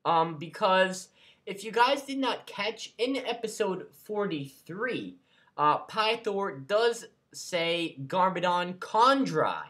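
Animated, rambling man talking on his vlog. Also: sits high, takes it slowly. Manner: rambling, many fillers and restarts, animated. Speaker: fan channel host. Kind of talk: casual fan vlog talk.

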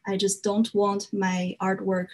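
A woman's voice: medium pitch, completely flat delivery, a little slow, a little mellow. A young woman from China, speaking English as a second language, gives an earnest slide talk about her work as a fiber artist, with frequent "uh" fillers. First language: Chinese. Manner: earnest, frequent "uh" fillers, slightly non-native grammar.

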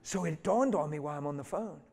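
Man, preacher, high-pitched, storytelling sermon, hushed to loud, long hall reverb. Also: fast. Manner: animated storyteller, swings from hushed to near-shouting. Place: church conference hall.

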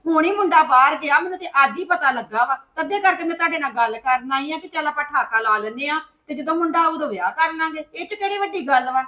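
A woman's voice: high voice, fast, few pauses, sharp tone. A woman acting a coaxing older sister in a family drama. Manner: coaxing, persuasive. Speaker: actor in a family skit. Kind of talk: scripted Punjabi family drama.

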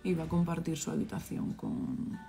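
Valencian woman streamer, low mellow gravelly voice, chatty and exclaiming as she plays. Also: flat delivery, normal speed, faint music behind. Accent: Valencian Spanish. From Valencia, Spain. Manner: chatty, exclaiming, scolding the game characters. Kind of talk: casual live-stream chat while playing a game.

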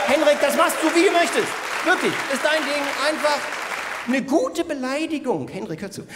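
A man with a strikingly high voice delivers a stand-up bit as a mock schoolteacher, lecturing and ribbing people in the crowd. He is recorded live in a reverberant arena, with crowd noise and music clearly audible behind him. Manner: mock-lecturing, teases audience members by name. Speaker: stand-up comedian. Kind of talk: stand-up routine in a teacher persona. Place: outdoor arena stage. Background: audience laughter and music.

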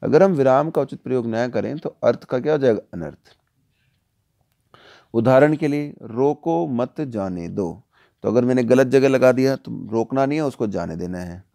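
A male teacher explaining a worksheet to children, often putting questions to the class and slowing down for examples. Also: mid-range voice, creaky, dark tone. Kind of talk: online worksheet lesson for children.

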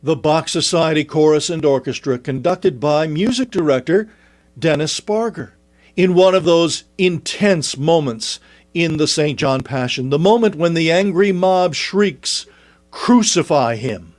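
A man's voice: a little high, measured pace. A man hosting a music discussion show with a polished announcer delivery. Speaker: host. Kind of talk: radio-style hosted discussion.

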